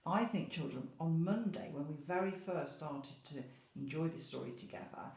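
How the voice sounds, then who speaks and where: A woman with a low, mellow voice speaks like an infant school teacher, reading a story to young children and asking them questions with simple, expressive explanations. The room has an echo.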